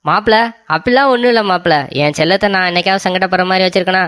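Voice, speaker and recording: Voice actor doing a cartoon husband, doting, coaxing, rapid talk, dry close mic. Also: medium pitch, fairly bright tone, smooth, no room sound, natural voice. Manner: coaxing, sweet-talking. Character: doting young husband, soft on his wife. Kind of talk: cartoon comedy voice acting.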